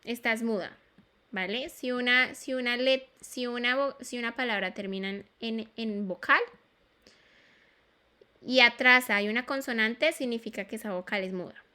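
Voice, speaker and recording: A woman's voice: a little high, moderate pace, sharp tone. A woman teaching an English class in Spanish, patiently repeating sounds and checking that students follow. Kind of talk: online class explanation.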